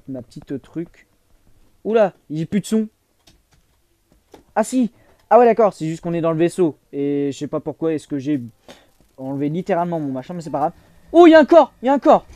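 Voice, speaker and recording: A young man giving casual let's-play commentary, chatty, restarting his sentences, with excitable bursts. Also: on the high side. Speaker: gaming YouTuber.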